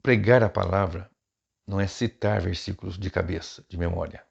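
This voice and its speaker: A man's voice: low-pitched, fairly even intonation, normal speed, vocal fry, husky, lo-fi sound. A man, a pastor giving unscripted preaching advice in a casual, chatty way, often checking in with his listeners. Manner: casual, chatty, frequent tag questions.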